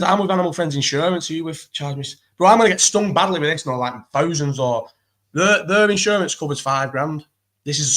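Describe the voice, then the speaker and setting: Fast-talking, sweary man. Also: medium pitch, fairly bright tone. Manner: fast, sweary and rambling, with many restarts. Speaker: guest. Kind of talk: casual chat.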